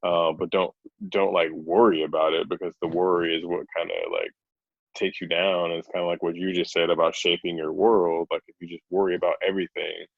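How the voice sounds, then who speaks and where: A man's voice: low voice, little pitch movement, fairly quick, creaky, no echo, narrow, tinny audio. A man hosting a podcast, chatting in a laid-back way and laughing easily. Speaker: podcast host. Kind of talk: casual podcast chat.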